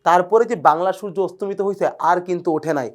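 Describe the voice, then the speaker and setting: A male teacher, giving a recorded exam-prep lecture. He talks eagerly about where words come from and keeps checking whether the students follow. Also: high-pitched. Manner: fast, checks in constantly with "clear, sir?"; enthusiastic about word origins.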